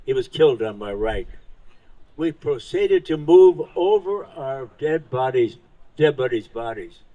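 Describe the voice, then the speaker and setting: A hundred-year-old man, a veteran speaking to an audience, recounting war memories in short, halting, emphatic phrases with rhetorical questions. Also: mid-range voice, darkish tone, low-quality recording. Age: 100 years old. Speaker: veteran Marine guest speaker. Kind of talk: live war reminiscence to an audience.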